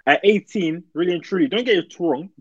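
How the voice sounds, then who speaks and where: A man's voice: high voice, brisk, slightly rough, dry recording, dull audio. Young london roadman guy, slangy and emphatic. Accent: London roadman, multicultural urban London slang. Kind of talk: casual chat, debating opinions.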